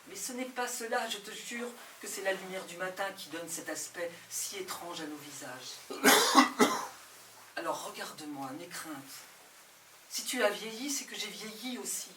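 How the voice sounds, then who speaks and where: A woman delivering a theatrical poetic monologue with intensity, speaking straight to someone before her. Her voice is bright and edged, picked up from a distance in a roomy, echoing space. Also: medium pitch, lively intonation, normal speed, a little hiss or hum. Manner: intense, theatrical, addresses a listener directly.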